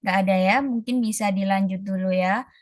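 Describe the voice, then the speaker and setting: A woman tutoring an online class, chatting casually and stretching out model phrases slowly. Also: mid-range voice, steady tone, dry recording, studio quality. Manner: slow, drawn-out model pronunciations; casual, chatty teaching, calls students guys. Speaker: Mandarin tutor. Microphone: video call.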